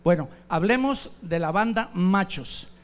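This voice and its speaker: A man's voice: sits high, lively intonation, a little slow. A man hosting a talk show, chatting loosely and teasing his guests on stage. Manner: joking, teasing, loose and crude. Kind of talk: casual on-stage banter. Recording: echoey hall, voice from far off.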